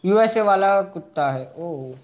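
A man's voice: high voice, lively intonation, takes it slowly, highs cut off. A young man hosting a casual live game stream, chatting with viewers, repeating himself and asking for likes. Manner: chatty, answers viewers' chat messages one by one.

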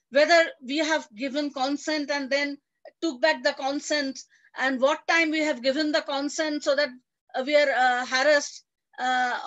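A middle-aged woman giving an academic lecture, halting often with fillers and restarts. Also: high-pitched, a bit bright, highs cut off. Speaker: guest lecturer.

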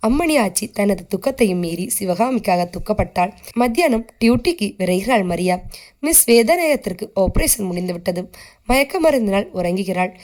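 This is a steady, scripted narration of a short story by a woman with a mid-range voice, moving at a moderate pace. The characters she voices sound much like she does.

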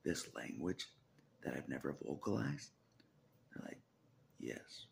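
A man in his forties, a religious vlogger, speaks slowly in a very deep, creaky voice with huge pitch swings and a little hiss or hum. Rambling in his personal vlog, shot on a phone at arm's length in a small room, he restarts hesitantly, repeats phrases and half-whispers asides.

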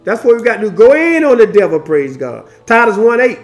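A man with a high voice preaches in a call-and-response style. He is fervent and punctuates nearly every phrase with praise. Soft music sits under him. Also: sing-song, brisk. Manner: fervent, repeats "praise God" between phrases. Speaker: minister.

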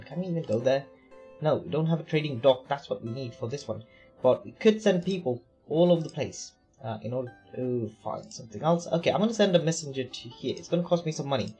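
Going hoarse, a man offers rambling, casual let's play commentary on his city-building game, using lots of fillers and asking himself questions. His tired, failing voice is medium-pitched, a little mellow, and husky.

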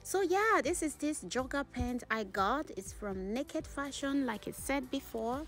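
In a casual try-on haul, a woman vlogger chats enthusiastically about the clothes, often ending phrases with a questioning "okay?" and partway through switching to voice-over narration. Her high voice is animated, unhurried and a bit bright, with faint music behind.

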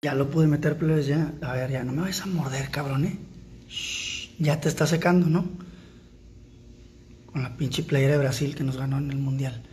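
A man's voice: on the high side, normal speed, darkish tone, slight background noise. A young man with a Sinaloan Mexican accent, vlogging casually at home with a sore throat and talking crudely but kindly to stray cats. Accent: Sinaloan Mexican Spanish. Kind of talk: casual vlog chat. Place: house at home during rain.

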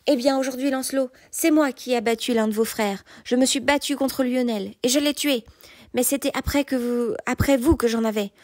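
A hot-headed male knight in full fury, flinging accusations in a high, strained voice, as a woman puts him on in an audiobook. The reading is close and dry, with no room sound at all. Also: fairly quick, no room sound, close to an everyday voice. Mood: vengeful. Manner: shouting accusations in a raised, strained voice.

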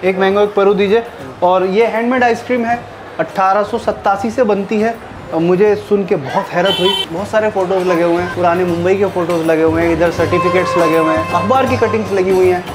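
Speaking a little fast with fairly even intonation, a middle-aged man's high-pitched voice carries his enthusiastic tasting notes for a casual vlog. He's on a lapel mic in a small eatery, with background music under him.

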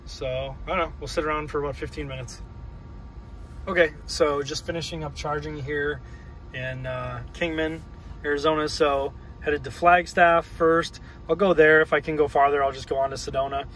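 A man's voice: fairly high pitch, normal speed, a little hiss or hum, rough recording. A man casually narrating his road trip from inside his car, rambling with lots of fillers. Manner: relaxed, rambling, many fillers. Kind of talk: casual narration while driving and charging.

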